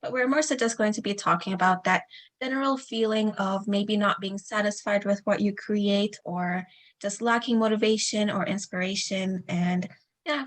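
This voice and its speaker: A young woman hosts a relaxed podcast in a mid-pitched voice. She talks earnestly, often pausing on fillers as she works through her thoughts. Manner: hesitant, filler-heavy, earnest. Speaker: podcast host. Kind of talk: casual podcast chat.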